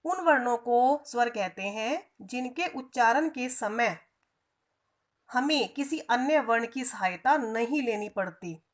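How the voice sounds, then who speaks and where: A woman's voice: on the high side, lively intonation, takes it slowly. A woman teaching a grammar lesson to children, often asking questions and answering them herself, and stretching out sounds to demonstrate them. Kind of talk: online Hindi grammar lesson.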